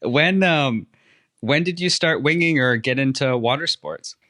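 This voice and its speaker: This podcast host has a mid-range, unhurried voice with a sharp tone, recorded in a clean studio with no room sound. He chats casually with his guest, keeping the interview upbeat and encouraging.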